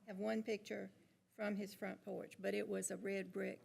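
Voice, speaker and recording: A woman's voice: medium pitch, level tone, normal speed, gravelly, a little mellow, slight background noise. A woman at a city meeting recalling local history in a matter-of-fact way. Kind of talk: meeting discussion.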